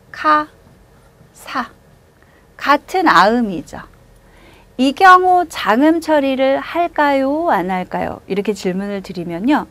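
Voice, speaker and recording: A woman teaches a recorded lesson in a fairly high, lively voice. She speaks slowly and stretches out each example sound, then explains patiently. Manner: slow, drawn-out model pronunciations with patient explanation. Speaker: Japanese language teacher. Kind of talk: classroom lecture.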